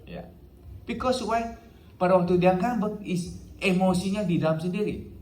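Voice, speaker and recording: In a church hall, a male pastor preaches with a high-pitched, slightly mellow voice at normal speed. He mixes English phrases into his sermon and says "ya" often. The hall is echoey, with faint ambience.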